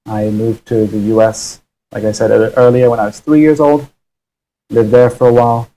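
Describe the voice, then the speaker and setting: Over muffled livestream audio, a British man teaches a live online English lesson, explaining grammar in a relaxed way full of ums and uhs. His voice is mid-range and his pace moderate.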